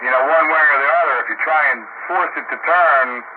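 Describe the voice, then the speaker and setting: This amateur radio operator, an American man of middle age or older, has a slightly high, brisk voice. He chats casually and folksily about technical topics, coming through phone-like ham radio audio with static.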